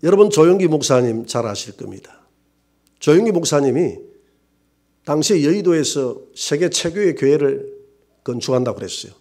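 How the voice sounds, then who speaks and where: A male pastor with a Gyeongsang accent preaching a sermon in a church, animated, with rhetorical questions and exclamations. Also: fairly high pitch, normal speed. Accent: Gyeongsang Korean. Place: church sanctuary.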